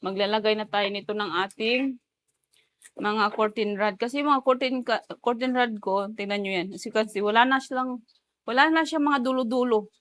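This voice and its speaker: A woman's voice: fairly high pitch, normal speed, a bit bright. Chatty woman vlogging at home. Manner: chatty, mixes in English, giggly asides. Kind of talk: casual home vlog chat.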